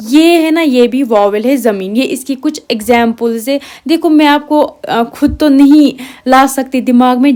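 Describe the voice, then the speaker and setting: A young woman teaching an exam-prep language lesson, patiently spelling out letters and words and repeating them slowly, with English words mixed in. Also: high voice, darkish tone.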